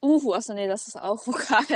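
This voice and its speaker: A woman's voice: a little high, normal speed, no room sound. Teasing young woman, dry close sound. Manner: teasing, exasperated. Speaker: co-host playing a guessing game. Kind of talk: casual podcast chat.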